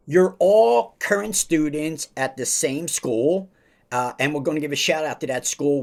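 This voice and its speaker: Upbeat, emphatic podcast host man. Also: mid-range voice. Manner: slow, emphatic, upbeat delivery with drawn-out phrases; repeats praise like a mentor. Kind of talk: podcast interview on a video call.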